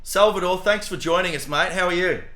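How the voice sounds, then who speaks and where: A man hosting a casual podcast interview, chatty and eager, leaning on fillers like "um" as he talks. His voice sits a bit high, and the room rings with echo. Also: a little fast, pushed and bright. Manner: chatty, enthusiastic, many fillers. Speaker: podcast host.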